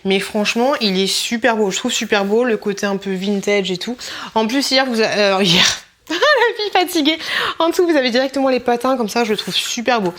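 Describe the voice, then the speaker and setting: A young woman talks through her shopping finds in a casual vlog. Her voice sits a little high, and her delivery is chatty and gushing. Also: fairly quick. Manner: chatty and enthusiastic, gushing over items. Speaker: YouTuber showing shopping finds.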